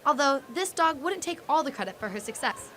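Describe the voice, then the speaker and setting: A woman's voice: high-pitched, animated, fairly quick, fairly bright tone. A young woman reporting a student news story in scripted narration, with an upbeat, punny delivery.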